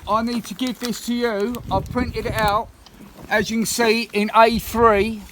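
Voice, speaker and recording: A man's voice: high-pitched, little pitch movement, measured pace, noisy background. A man firmly and insistently telling people at his property to leave, repeating legal warnings. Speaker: property occupier confronting bailiffs. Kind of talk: confrontational recorded exchange.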